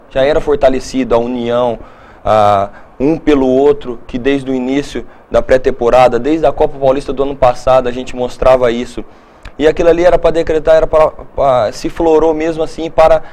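A man in his thirties, a footballer, answering questions in a TV studio interview, halting and repeating words as he thinks, on a lapel mic. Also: mid-range voice, a little mellow. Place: TV studio set.

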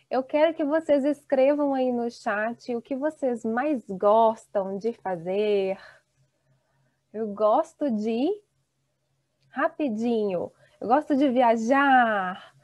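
A woman in her thirties teaching an online Portuguese class, slowly and encouragingly reading out students' chat replies. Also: a little high, no room sound. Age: 30s. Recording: dull, dry video-call audio.

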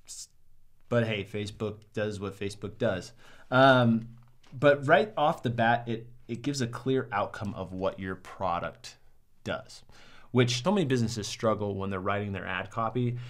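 A man's voice: on the low side, measured pace. A young man sitting at a desk in a small studio, casually critiquing ads to the camera in an upbeat way, with lots of "um"s. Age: young adult. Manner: upbeat, many "um"s and "right?". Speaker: marketing reviewer.

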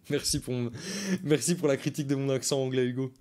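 A man's voice: mid-range voice, fairly even intonation, moderate pace, darkish tone. A man coaches viewers through football film in a live stream, in an easy, chatty way. He repeats his key points and stops now and then to answer viewer comments. He speaks close to a desk mic at his computer.

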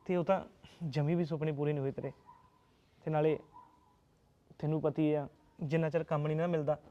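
A man's voice: a little high, mellow, dull audio, close to an everyday voice. An actor with a Punjabi accent playing a young jobless husband who pleads and reassures his wife in a short film.

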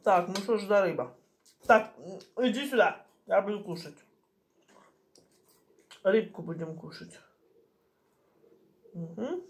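A woman's voice: medium pitch, lively intonation, takes it slowly, long pauses. Middle-aged woman chatting while chewing. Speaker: mukbang vlogger. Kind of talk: casual chat while eating. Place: small home kitchen, indoors. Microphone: camera on the table at arm's length.

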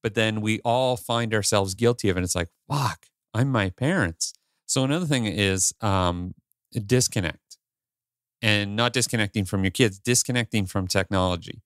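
Candid lowish-voiced male podcast host. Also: moderate pace, a bit bright, smooth, no echo, clean studio sound. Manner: candid, rambling with restarts and swearing. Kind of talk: casual chat.

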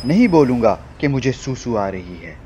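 A man's voice: medium pitch, sing-song, normal speed, warm tone, slight background noise, lightly acted. A man voicing a frightened little boy in a cartoon horror story, with a whiny, pleading manner. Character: scared little boy who plays pranks.

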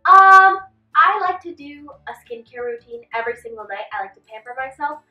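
A young beauty vlogger chats through tips to camera in a casual video, her high voice animated and moderately paced. She sounds a little congested from a cold and has a slight lisp from a retainer, gesturing a lot while seated in a small bedroom set with a clothes rack. The audio is dull, roomy and slightly distant from the camera mic, with faint music behind.

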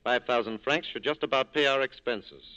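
An actor playing a suave, corrupt French police captain in a 1940s radio drama, urbane and dryly ironic. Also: male voice, mid-range voice, normal speed, sharp tone, lightly acted. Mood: suave, scheming. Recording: muffled, noisy 1940s radio recording.

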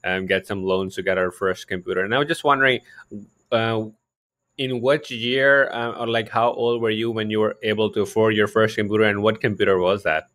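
A man's voice: lowish voice, fairly even intonation, brisk, fairly bright tone, no room sound. A man hosting a podcast interview over video call, chatty with many fillers. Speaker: podcast host. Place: home room. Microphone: headphones with desk mic.

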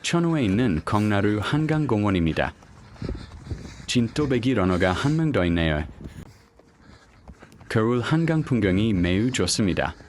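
A man's voice: on the low side, big pitch swings, moderate pace, long pauses, slight background noise. A man reading a scripted, slangy voice-over narration for a vlog.

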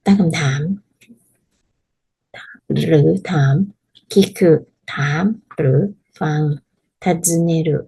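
A woman teaching a casual language lesson, patiently explaining and repeating phrases slowly so learners can practice. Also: low-pitched, creaky, warm tone, breathy edge, low-quality recording.

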